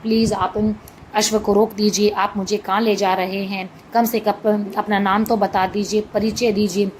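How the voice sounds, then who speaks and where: A woman's voice: mid-range voice, little pitch movement, a little slow, slight background noise, natural voice. A woman voicing a young queen and mother, held captive, who speaks earnestly and with dignity. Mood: pleading. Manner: pleading, then resolute.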